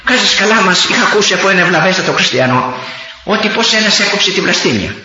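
An older man from Greece, a priest and former army chaplain, preaching with impassioned storytelling that rises to near-shouts. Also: high voice, expressive, very noisy. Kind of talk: storytelling sermon. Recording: echoey, dull lo-fi room recording.

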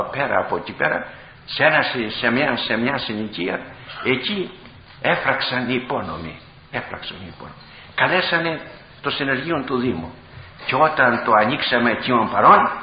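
A man preaching a dramatic sermon as a bishop, rising to loud exclamations and dropping to hushed tones, recorded in a church. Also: on the high side, roomy sound, dull audio, slight background noise.

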